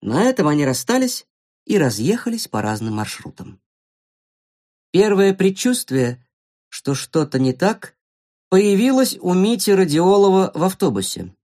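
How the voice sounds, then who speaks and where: A narrator reading a storybook aloud in an expressive, playful way. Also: medium pitch, measured pace.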